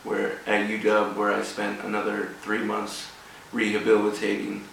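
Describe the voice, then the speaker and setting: A man gives an informal motivational speech with a personal story, speaking haltingly in short broken phrases. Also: on the low side, completely flat delivery, gravelly, fairly bright tone. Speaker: guest speaker at a rugby club event. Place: echoey room, speaking before an audience. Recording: echoey room, distant mic, faint noise.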